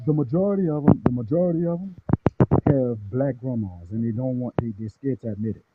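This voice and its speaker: A man's voice: medium pitch, fairly quick, very noisy. A man on a phone call in casual group chat, lying down, his voice muffled as if heard through a wall. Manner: lying down while talking.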